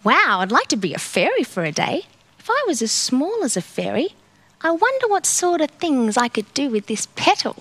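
Bright sing-song children's TV presenter woman. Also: sits high, sing-song, no room sound. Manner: bubbly, slow and sing-song, speaking to young children.

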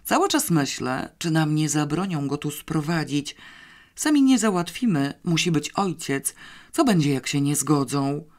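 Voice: medium pitch, big pitch swings, unhurried. An audiobook reader voicing an offhand, cocky young schoolboy with a dismissive, boyish way of talking, in a somewhat raised voice.

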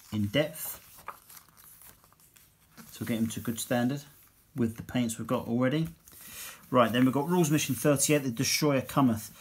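A man's voice: medium pitch, a little hiss or hum. A man casually reviewing a hobby magazine, reading passages aloud and adding dry asides. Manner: chatty, dry asides, reads text then comments.

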